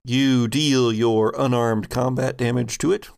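Serving as game master for a tabletop roleplaying game, a man narrates slowly in a middle-range pitch with a creaky, gravelly edge. His tone stays steady and a little mellow as he builds scenes in halting fragments.

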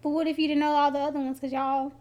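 High-voiced woman, teasing podcast co-host. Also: flat delivery, fast, a little mellow. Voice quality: high-pitched voice. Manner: questioning, teasing. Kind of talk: casual chat.

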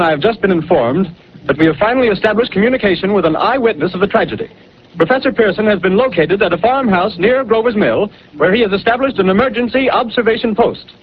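A brisk male studio announcer reads in the formal, crisp style of 1930s radio drama, his voice fast and high like an old newsreel. The broadcast sounds muffled, with a faint hiss.

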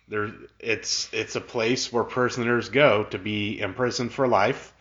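Wry podcast guy cracking jokes, unhurried, lo-fi audio. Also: on the low side, steady tone, a bit bright. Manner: wry, joking, laughs often. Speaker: podcast co-host. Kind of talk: casual chat.

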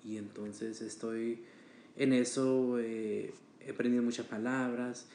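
Casual male podcast guest, rambling with fillers, medium pitch, roomy echo. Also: level tone, slow pace, warm tone, slight background noise. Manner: chatty, hesitant with fillers and restarts.

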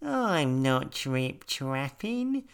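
A man voicing a timid, long-eared rabbit in a storybook, in a high, slow, pleading voice. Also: sing-song, gravelly, clean tone, full character voice.

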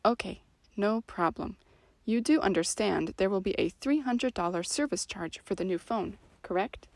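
A polite, businesslike call center agent in an audiobook drama, played by a woman. Her voice is mid-pitched and her courteous phrasing is scripted. The recording is dry and close. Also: moderate pace, no echo, lightly acted. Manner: polite, scripted customer-service tone.

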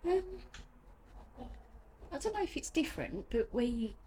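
A woman's voice: on the high side, sing-song, a little slow, mellow. A woman, a nurse, giving plain-spoken, reflective answers in an informal interview. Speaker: hospice nurse. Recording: light ambient background noise.

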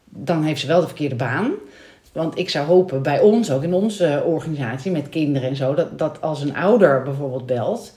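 Low-voiced chatty woman, echoey room. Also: normal speed, dark tone. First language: Dutch. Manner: chatty, many fillers and restarts. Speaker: podcast co-host. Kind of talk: casual chat.

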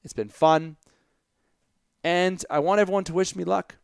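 A man's voice: high voice, fairly even intonation, normal speed, vocal fry, clear, resonant tone, no echo, clean studio sound. A young man hosting a solo sports podcast, rambling and chatty, often breaking off and restarting his sentences. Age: young adult. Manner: rambling, chatty, self-interrupting. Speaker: podcast host.

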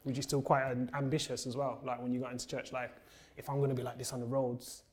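A man's voice: medium pitch, level tone, fast. A man hosts a casual interview, asking questions in an encouraging, conversational way. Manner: encouraging, frequent affirmations.

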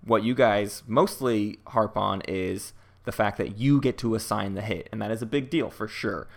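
A man's voice: on the low side, gravelly. A man co-hosting a casual board game podcast, talking things through in a chatty, analytical way. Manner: chatty, analytical, quick to laugh. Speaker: podcast co-host.

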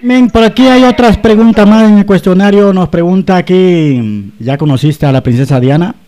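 A man's voice: sits high, moderate pace, soft background music. A male radio host casually interviewing a guest and reading out listener questions. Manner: relaxed, reads questions from a list.

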